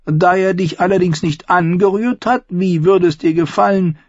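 A man voicing a shrill, imperious middle-aged noblewoman who scolds in a high, vehement voice. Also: normal speed, no room sound, highs cut off. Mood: scheming.

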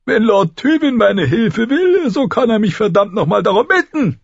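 A man voicing a scheming, spiteful old lord in an audiobook, with a shrill, gravelly cackle and a sneering, taunting manner. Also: sing-song, normal speed, no echo, highs cut off, full character voice. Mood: mocking. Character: scheming ancient male lord, spiteful and mocking. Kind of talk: audiobook character voice.

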